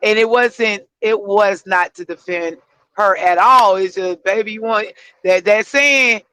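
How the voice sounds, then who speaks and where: An older woman co-hosting a casual chat, telling lively stories with folksy sayings and frequent laughter. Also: mid-range voice, a little slow, smooth, no echo. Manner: animated storyteller, folksy sayings, laughs often. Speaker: co-host.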